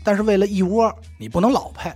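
A man's voice: high-pitched, fast talker. A man, a podcast co-host telling a long comic story and acting out the quoted lines. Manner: animated, acts out voices in quoted speech.

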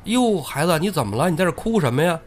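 A kindly rich old squire speaks gently and coaxingly to a lost child, as a storyteller puts him on. His voice sits a little higher than the teller's own, lively, with faint music under it. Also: quick pace.

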